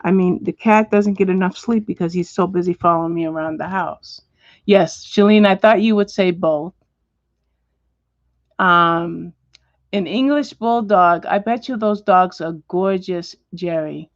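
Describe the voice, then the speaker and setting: A woman's voice: fairly low pitch, measured pace, dry recording, highs cut off. Chatty woman hosting a coloring stream. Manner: chatty, answers viewers by name, drops to a whisper now and then. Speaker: livestream host. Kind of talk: casual chat while coloring, reading viewer comments. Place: at home, indoors.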